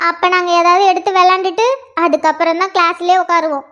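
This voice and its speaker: Very high-pitched, bright and forceful, yet level in tone, a fast-talking performer voices a chatty schoolgirl in a one-person comedy skit. She eagerly tells her sister about school, captured on a dull lo-fi recording.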